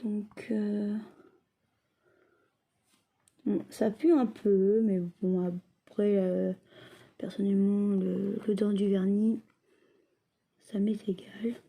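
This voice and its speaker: A woman giving a casual hands-on craft demo and review, talking hesitantly in halting, often unfinished phrases. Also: medium pitch, level tone, gravelly, dark tone. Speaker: craft video creator.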